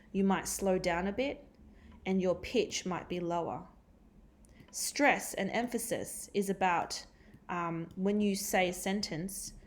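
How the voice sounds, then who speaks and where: A woman teacher giving a recorded catch-up lesson, explaining step by step with frequent ums and uhs. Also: medium pitch. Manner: explains step by step with many fillers.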